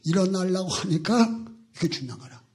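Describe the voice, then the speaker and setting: A male pastor preaching a sermon in a sing-song cadence, breaking into shouted exclamations. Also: high-pitched, lively intonation, a little fast.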